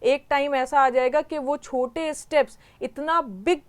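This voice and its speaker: A woman, co-hosting a casual discussion and giving steady, encouraging advice. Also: high voice, a little slow. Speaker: co-host.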